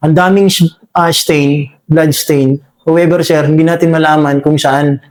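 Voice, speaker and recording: A man, a soldier, recounting a combat encounter in an interview, talking haltingly with many fillers and addressing the listener as sir over and over. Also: on the high side, steady tone. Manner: halting, full of fillers, says "sir" constantly. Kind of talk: spoken war story in an interview.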